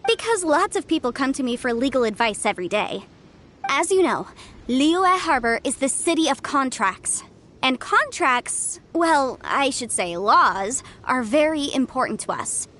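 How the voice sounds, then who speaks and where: An actress voicing a clever, confident young legal advisor in a video game, with a crisp and lightly amused manner. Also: female voice, sits high, very animated, a little slow, fairly bright tone, heavily acted.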